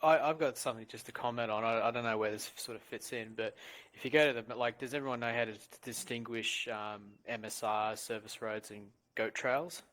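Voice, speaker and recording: A man's voice: mid-range voice, steady tone, brisk, a bit bright, low-quality recording. A man in a game voice chat explaining map roads, hesitant and restarting often. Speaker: trainee player. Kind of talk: casual voice-chat question.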